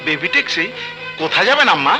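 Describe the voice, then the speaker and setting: An actor playing a timid, simple-minded husband who talks slowly and pleadingly. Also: male voice, fairly high pitch, very animated, bright, forceful tone, faint music behind, heavily acted, poor audio. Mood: puzzled. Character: timid, clingy young husband.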